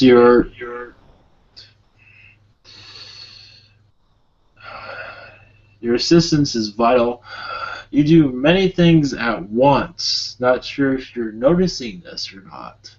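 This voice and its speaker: A man channeling a benevolent otherworldly Sirian being, speaking in a solemn, halting, prophetic trance-like manner. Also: mid-range voice. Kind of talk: channeling session, answering questions. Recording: dull lo-fi audio.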